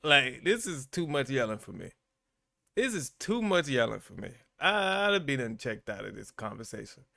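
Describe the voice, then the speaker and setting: A man's voice: mid-range voice, sing-song, moderate pace, creaky, pushed and bright, no echo, studio quality. A man hosting a live-stream reaction to bodycam videos, talking back at the people on screen and chuckling.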